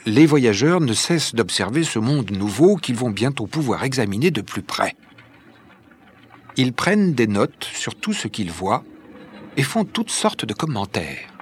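A man narrating an adventure storybook in a measured, clear reading voice. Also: mid-range voice, slight background noise.

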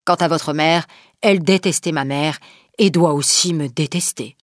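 A woman plays a wary, ironic king in a storybook reading. He probes and teases, frank about his enemies, in a low, dry voice. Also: moderate pace, no echo, natural voice. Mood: earnest. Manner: ironic, probing. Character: French king, ironic, wary, proud adult man.

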